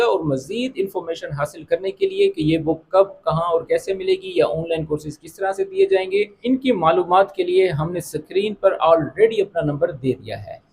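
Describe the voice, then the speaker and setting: A man teaching a language lesson, repeating each phrase slowly before explaining it. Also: high voice, darkish tone, breathy edge. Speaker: Arabic teacher.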